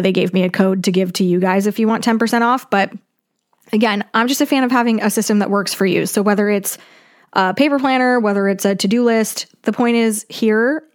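A young woman with a mid-range voice gives casual advice on her own. She sounds upbeat and practical, like a tidy organiser passing on tips. Her phrasing is chatty and informal, as a podcast host talking straight to listeners. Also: mid-range voice. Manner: informal, peppered with "like". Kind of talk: casual solo advice monologue.

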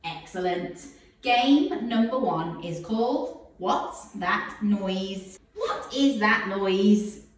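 A woman leading stories and games as if reading to a toddler, sing-song and exaggerated, encouraging and asking simple questions straight to the listener. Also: mid-range voice. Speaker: children's storyteller and game leader. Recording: echoey room, distant microphone.

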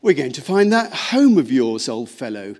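A man voicing a kindly, practical male water rat who speaks briskly and gently. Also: lively intonation. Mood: pleasant. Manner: brisk, then gentle and low.

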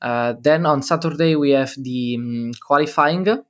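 A teenage man from Italy with an Italian accent, explaining things casually as a guest, halting with many fillers and self-corrections. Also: fairly high pitch. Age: teens. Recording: dull lo-fi recording.

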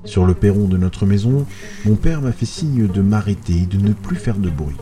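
Deep dark-voiced man telling a scary story. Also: expressive, normal speed, soft background music. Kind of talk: scripted first-person horror narration.

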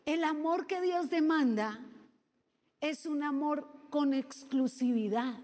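A woman preaching a sermon, animated and playful, with lively asides and mimicry. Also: sits high, slow pace, in a large hall.

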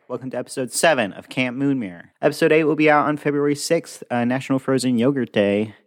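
A man's voice: mid-range voice, no room sound, studio quality. A man hosting a podcast who reads upbeat episode announcements. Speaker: podcast host.

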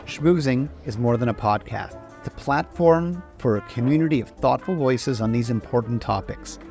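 A man hosting a podcast, explaining ideas in an earnest, steady lecture style. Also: mid-range voice, moderate pace, vocal fry, faint music behind. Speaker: podcast host.

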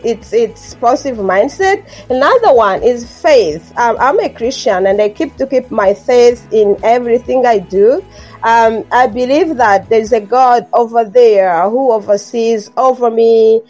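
A woman from Rwanda whose first language is Kinyarwanda speaks as a guest author in an interview conversation. Her voice is higher with a darkish tone, and she comes across as earnest, repeating phrases and saying um often.

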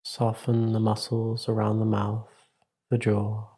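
A meditation teacher with a fairly low, husky voice guides a session. His instruction is calm and measured, broken up by long pauses.

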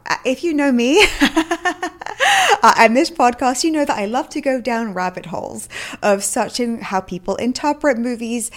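A woman hosting her own solo self-help podcast, upbeat in manner and laughing often as she talks. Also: a little high. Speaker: podcast host.

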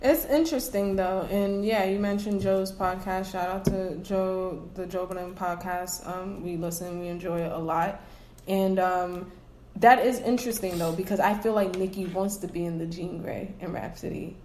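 A woman's voice: lowish voice, steady tone, moderate pace, darkish tone, reverberant, slight background noise. A woman co-hosting a podcast, chatty and easygoing in casual chat. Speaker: podcast co-host.

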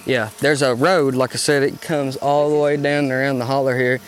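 A man's voice: mid-range voice, steady tone, moderate pace. A man with an Appalachian Kentucky accent chatting casually and giving directions in a rambling, folksy way outdoors. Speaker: local guide. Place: outdoors on wooded hills.

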